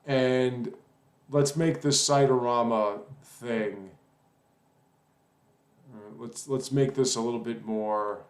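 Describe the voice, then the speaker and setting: A man talks through a web coding lesson in a loose, rambling way, pausing to think aloud and filling gaps as he goes. His voice sits at an ordinary middle pitch. The recording has a noticeable roomy echo. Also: steady tone, a little mellow. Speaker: web development tutor. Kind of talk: casual screen-recorded coding tutorial.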